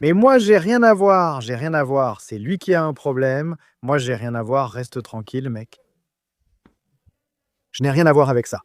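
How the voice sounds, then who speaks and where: A man's voice: medium pitch, expressive, unhurried, no echo, clean studio sound, close to an everyday voice. An actor playing a defensive, squabbling man who keeps protesting his innocence. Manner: indignant, protesting, repetitive denials. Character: Tiberius, defensive squabbling man denying blame.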